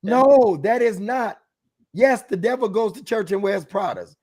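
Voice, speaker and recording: High-voiced preaching man, animated. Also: a little slow. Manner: animated, preachy, breaks into shouts. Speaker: bishop. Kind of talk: preaching relationship talk.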